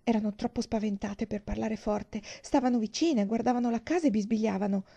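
A woman reading a children's novel aloud, in a gentle, measured storytelling voice. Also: on the high side, creaky. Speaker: audiobook reader.

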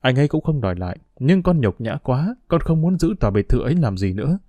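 In a storybook reading, a man with a mid-range, sing-song voice speaks at a quick pace as a weary, resigned young woman pleading with her mother, earnest and quietly firm. The recording is natural, with no room sound.

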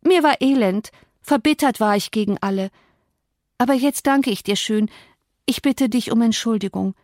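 A woman's voice: fairly high pitch, moderate pace, a little mellow, no echo, studio quality, pitched above the performer's own voice, natural voice. A woman doing a proud, tearful young woman. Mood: pleading. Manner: pleading, tearful outbursts. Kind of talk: audiobook character voice.

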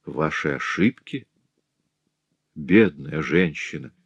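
A man's voice: a bass voice, expressive, slow pace, husky, dry recording, voice pushed down, full character voice. A man reading a passionate aristocrat husband. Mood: impassioned. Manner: emotional and impassioned. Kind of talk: audiobook reading.

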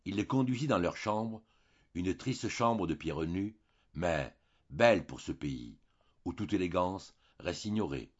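Male audiobook reader, measured and expressive, muffled lo-fi recording. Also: sits low, breathy edge. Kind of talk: audiobook narration.

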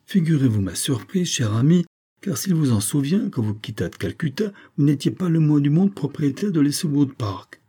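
A man reading aloud voices an effusive, flattering middle-aged army major with a theatrical, gushing manner. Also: a little high, normal speed, slightly rough, pitched above the performer's own voice. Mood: jovial.

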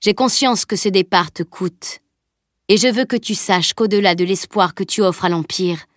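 A woman reading the part of a grave older male leader in an audiobook, slow and solemn. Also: mid-range voice, no room sound, clean studio sound, lightly acted.

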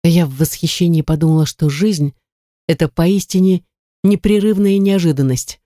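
A woman narrating an audiobook in the first person, with expressive storytelling. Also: lowish voice, normal speed, no room sound, clean studio sound. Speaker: audiobook reader. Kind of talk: scripted narration.

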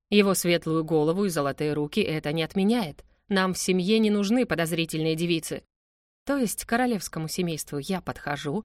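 Expressive woman narrating an audiobook. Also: on the low side, no echo, studio quality. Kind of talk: first-person audiobook narration.

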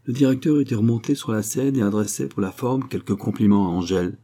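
Male narrator, low and mellow, steady expressive novel reading. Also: quick pace. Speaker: audiobook narrator. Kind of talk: scripted narration.

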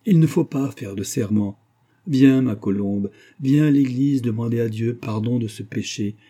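A man reading an audiobook voices a stern, devout old nurse who scolds and warns in a solemn, prophetic tone, with a husky voice. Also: mid-range voice, moderate pace, warm tone, close to an everyday voice. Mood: stern reproach.

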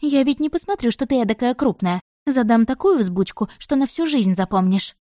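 A woman's voice: fairly high pitch, animated, normal speed, warm tone, dry recording, clean studio sound, pitched above the performer's own voice, natural voice. A woman voicing a brawny, threatening housemaid, scolding in a raised voice. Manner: menacing, scolding.

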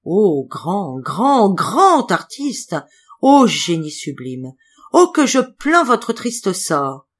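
An effusive young wandering musician, overflowing with exclamations and awe, as a woman reader puts him on. He pours out his words with rising excitement in a storybook reading. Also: medium pitch, normal speed. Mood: rapturous.

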